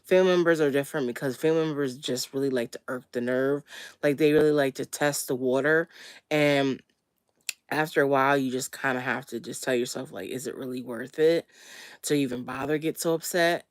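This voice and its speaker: A woman's voice: extremely low pitch, brisk, no echo. Woman, slightly wheezy, getting over a cold, dry close sound, laid-back livestream host, casual chat.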